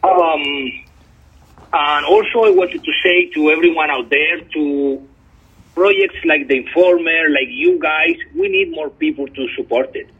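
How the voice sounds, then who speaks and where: A slightly high, husky male voice comes through a thin, tinny telephone line. He is a guest journalist, pausing often with ums as he makes his points earnestly. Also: big pitch swings. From Chile. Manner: hesitant, frequent ums, earnest. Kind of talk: phone interview.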